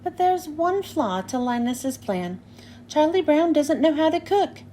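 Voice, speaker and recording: A woman's voice: sits high, sing-song, unhurried, mellow, a little hiss or hum. A woman narrating a children's storybook as a read-aloud. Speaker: storybook reader.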